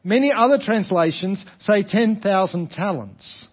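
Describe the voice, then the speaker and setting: Male preacher, Australian, high-pitched. Explanatory sermon delivery with emphatic repetition and rhetorical questions. Slightly muffled sound. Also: lively intonation, unhurried. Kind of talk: sermon, explaining a parable to a congregation.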